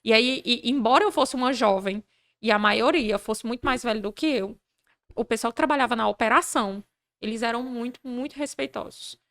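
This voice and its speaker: A woman as a podcast guest, talking about leadership in a lively conversational way and acting out the people in her stories. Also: a little high, a little fast, dry recording, studio quality. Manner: animated, acts out dialogue in her stories. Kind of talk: conversational interview.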